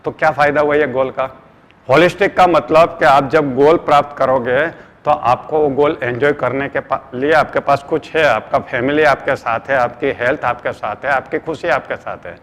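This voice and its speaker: A man's voice: medium pitch, steady tone, moderate pace, fairly bright tone. Indian man giving a motivational talk in a reverberant hall. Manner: earnest, addresses listeners as friends, mixes English phrases. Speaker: motivational trainer.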